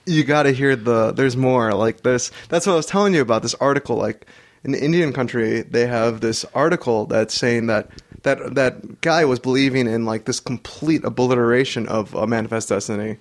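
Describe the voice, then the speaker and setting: A man's voice: medium pitch, moderate pace. Rambling casual podcast co-host man. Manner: rambling, lots of fillers. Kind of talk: casual chat.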